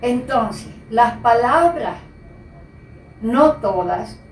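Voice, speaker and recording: A woman teacher giving a slow, patient spelling lesson and repeating the key words. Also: fairly high pitch, slight background noise. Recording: echoey room, voice from a distance.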